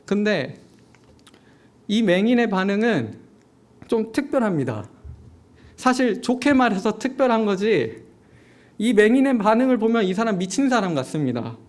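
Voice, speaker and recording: A man with a high voice delivers a sermon to his congregation at an evening church service. He preaches as a storyteller, speaking straight to the listeners and putting rhetorical questions to them. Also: very animated, normal speed, pauses often. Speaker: junior pastor.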